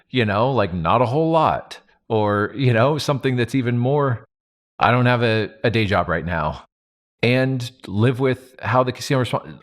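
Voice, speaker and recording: A man talking in a casual roundtable, telling reflective stories with many fillers and restarts. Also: medium pitch. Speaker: podcast host and advantage player.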